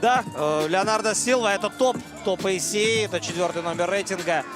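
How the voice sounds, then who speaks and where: A man's voice: sits high, a little fast. A man giving live commentary on a mixed martial arts fight. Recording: loud crowd and music behind. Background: arena crowd and music.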